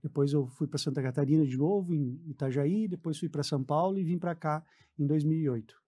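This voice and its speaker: A radio studio guest in his forties relates his story casually, his southern Brazilian accent clear. His voice is fairly high and dark with a breathy edge, and he talks fairly quickly.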